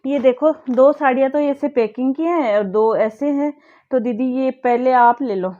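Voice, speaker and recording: A woman's voice: high voice, moderate pace, mellow. A woman playing family members in a home-made skit, chatty and scolding, switching between characters. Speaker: video creator playing family roles. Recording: dull lo-fi sound.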